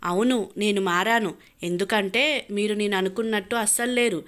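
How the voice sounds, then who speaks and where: A woman's voice: mid-range voice, steady tone, normal speed, fairly bright tone, a little hiss or hum, natural voice. A woman reading a cruel vengeful husband. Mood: menacing. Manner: cold, taunting, menacing.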